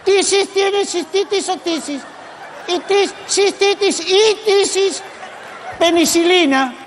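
A giddy grown man with a high, drawling voice babbles slowly and manically through a live comedy sketch, rambling and punning as he recites a mock English lesson. The stage recording picks up the audience and some hiss.

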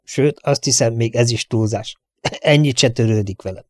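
A man's voice: mid-range voice, a little mellow, no room sound, clean studio sound, close to an everyday voice. A man voicing a stammering young man, resentful about a girl. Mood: flustered. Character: flustered, bitter young man.

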